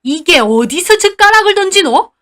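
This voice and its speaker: A harsh old grandmother in her seventies or beyond, barking scolds in a Gyeongsang dialect, as a woman puts her on. The voice sits fairly high and swings widely while she lashes out at her granddaughter, loud and unforgiving. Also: sing-song, moderate pace. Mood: furious.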